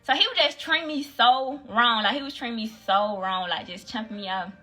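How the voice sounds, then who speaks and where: Husky bright-voiced young woman. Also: on the high side, fairly quick, poor audio. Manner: candid, slangy, acts out both sides of quoted dialogue. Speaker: livestream host. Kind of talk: casual storytelling. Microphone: phone.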